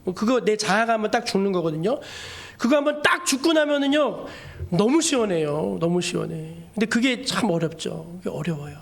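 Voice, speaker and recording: Male pastor, high voice, animated storytelling sermon. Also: fairly quick, creaky.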